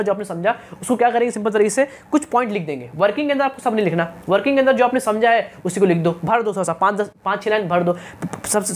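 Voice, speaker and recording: A male teacher giving a science lecture, who keeps asking his students questions, answering them himself and checking that they follow. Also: high voice. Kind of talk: classroom-style science lecture.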